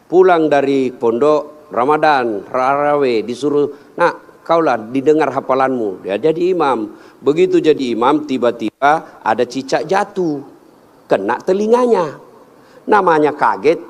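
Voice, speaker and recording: A male preacher gives a humorous sermon at a big religious gathering, telling funny stories and jumping to high-pitched punchlines. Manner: jokey, storytelling, animated with sudden high-pitched punchlines.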